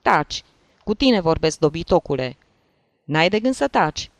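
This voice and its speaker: A reader voicing a coarse, blustering middle-aged rich man in an audiobook, gruff and brusque, recorded dry and close. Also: medium pitch, very animated, no room sound. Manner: gruff and brusque, shouting at a child. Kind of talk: audiobook reading of a classic story.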